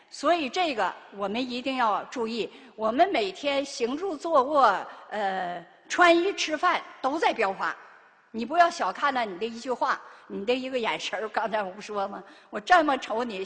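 A woman's voice: a little high, fairly bright tone. An older woman giving a Buddhist dharma talk as lay teacher, pressing listeners with rhetorical questions. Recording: reverberant hall.

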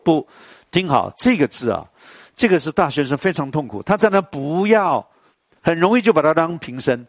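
A man with a Taiwanese Mandarin accent teaching a lesson on classical poetry tones, quizzing students and chanting lines slowly. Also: a little high, sing-song, no echo.

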